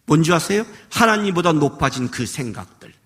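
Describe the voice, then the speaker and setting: A male pastor preaching a sermon at a worship service. He swings from shouts down to hushed drops and acts out pleading prayers. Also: a little high, very animated, a little fast.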